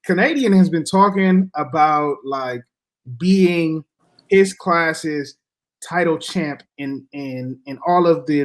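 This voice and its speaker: A man's voice: on the high side, fairly bright tone. A man hosting a casual fight interview, asking questions in informal, slangy talk.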